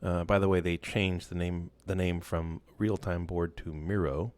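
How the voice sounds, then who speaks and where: This instructor, a man with a deep voice, moves at a measured pace while showing a software tool over screen share. The recording is dry, and his relaxed, casual delivery is full of fillers and restarts.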